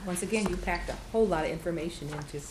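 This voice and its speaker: A woman chairing a committee meeting in a brisk, procedural and polite manner. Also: fairly low pitch. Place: hearing room. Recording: roomy echo with clear background noise.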